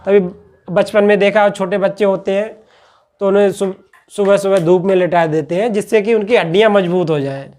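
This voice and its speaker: A man's voice: high voice, steady tone, a little fast, darkish tone. Male lecturer, patient and repetitive, asks questions then answers them. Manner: repeats "ठीक है" after each point. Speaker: teacher. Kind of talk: classroom-style lecture.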